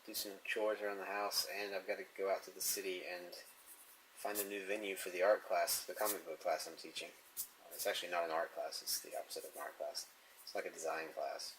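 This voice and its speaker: A man's voice: sits low, flat delivery, a little fast, fairly bright tone, a little hiss or hum, rough recording. A man musing and chuckling to himself as he draws, talking casually about comics and his sketch. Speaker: artist drawing on camera. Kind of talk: casual narration while drawing.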